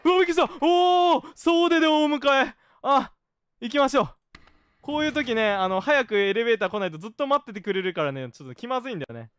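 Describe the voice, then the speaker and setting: A man's voice: extremely high pitch, animated, very fast, a bit bright, smooth. A man doing live horror game commentary as a scared, jumpy streamer.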